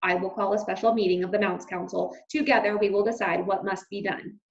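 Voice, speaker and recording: A woman's voice: medium pitch, steady tone, fairly quick, lightly acted. Woman doing a blustering father mouse. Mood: agitated. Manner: emphatic, exclaiming. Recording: lo-fi dull recording.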